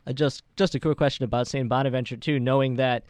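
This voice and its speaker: A man's voice: medium pitch, fairly even intonation, fast, darkish tone, dry recording. A man hosting a sports show, talking conversationally through interview questions and soccer commentary in a wordy way.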